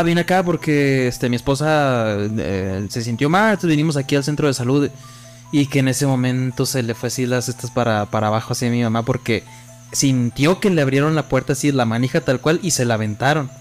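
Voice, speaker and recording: A young Mexican man with a Mexican accent, co-hosting a podcast, animatedly telling a ghost story and acting out the voices in it. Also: medium pitch. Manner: animated storyteller, acts out quotes. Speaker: podcast co-host. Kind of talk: casual chat, storytelling.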